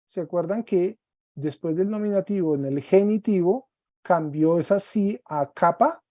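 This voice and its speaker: A man teaching a Greek class online, explaining slowly step by step and often checking with "¿cierto?". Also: high voice, warm tone, no room sound, lo-fi sound.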